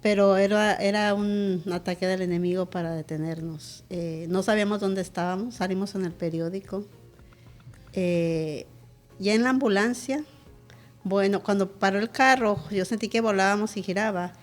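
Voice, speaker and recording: A woman's voice: mid-range voice, fairly even intonation, normal speed, faint music behind. A woman pastor, a guest in an interview, recounting a personal testimony in a vivid, emotional way.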